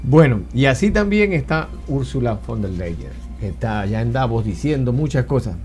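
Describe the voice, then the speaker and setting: A man of middling pitch talks with a lot of lift and fall in his voice, commenting hotly and pushing his opinions. There is faint music under him. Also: very animated, normal speed, a little mellow. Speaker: host. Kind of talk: political commentary.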